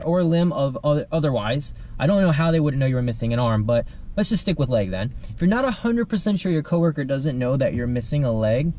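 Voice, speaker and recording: A young man vlogging, telling a comic story to camera in an animated, self-amused way, laughing as he goes. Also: a little high.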